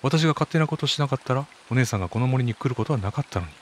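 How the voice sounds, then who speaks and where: A timid, apologetic young girl from a horror game, read out by a man in his everyday voice. The pitch sits in a middle range and the delivery stays plain and unforced. He keeps his lilt. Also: expressive, racing, a little hiss or hum, lightly acted. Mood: earnest.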